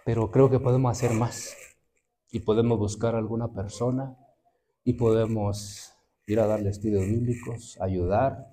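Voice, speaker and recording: A man's voice: lowish voice, steady tone, normal speed, mellow, slight background noise. A man, preaching a sermon and telling stories with acted-out quotes to the congregation. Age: 50s. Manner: storytelling, acts out quoted voices, addresses the congregation.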